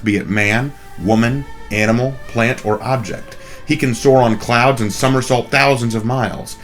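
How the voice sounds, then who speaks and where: Guy host doing explainer narration, medium pitch, bit of a cold in his voice, soft music behind. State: slightly off voice from a cold. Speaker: video host.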